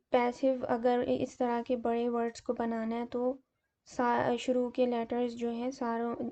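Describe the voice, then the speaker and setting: A woman teaching a grammar lesson, explaining examples step by step in a slow, methodical way with frequent fillers. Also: on the high side, creaky, mellow, dull audio.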